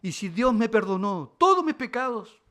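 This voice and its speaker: A man with a Chilean Spanish accent preaching a sermon as pastor, swinging between loud declarations and quiet asides. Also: high voice, big pitch swings, normal speed.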